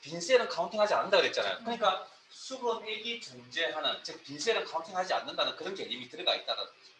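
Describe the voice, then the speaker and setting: A man's voice: on the high side, sing-song, quick pace, background noise. A man teaching a spreadsheet class, explaining step by step and quizzing his students.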